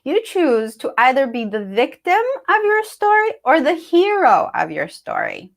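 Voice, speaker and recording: A woman's voice: high voice, big pitch swings, measured pace. A woman hosting a live talk show over a video call, interviewing a guest with encouragement and many fillers.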